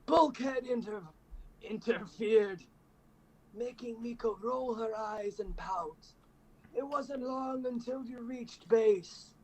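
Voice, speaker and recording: A man's voice: very high-pitched, slow pace, darkish tone, low-quality recording. A man co-hosting a comedy show, reading fan fiction aloud with wry, swearing asides. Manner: wry, swears casually, adds sarcastic asides.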